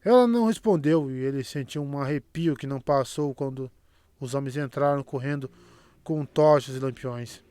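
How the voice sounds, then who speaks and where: A man narrating a fantasy audiobook in a steady, even storytelling manner. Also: medium pitch, normal speed, smooth, dry recording. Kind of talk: scripted narration.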